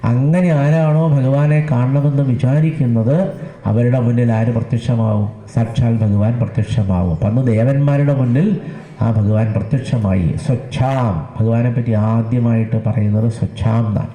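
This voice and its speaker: Man, temple sermon, questions and answers to the crowd, slow chanted verses, very dark tone, echoey hall. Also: medium pitch, fairly even intonation. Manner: asks the audience questions and answers them himself; chants verses slowly, repeats words for emphasis. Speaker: religious discourse speaker. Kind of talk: devotional scripture discourse. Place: temple gathering.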